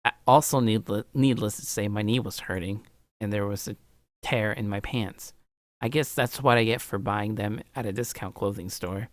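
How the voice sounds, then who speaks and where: While streaming a let's play, a man reads out the game's narration at a moderate pace with offhand comments, frequently tripping over and repeating phrases. There is no room sound, though background music plays under the low-quality stream audio.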